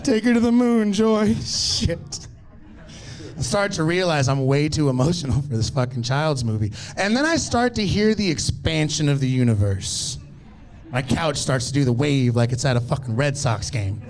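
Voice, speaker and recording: A man, telling profane, animated stories in a stand-up set and teasing the crowd. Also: mid-range voice, moderate pace. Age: 30s. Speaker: stand-up comedian.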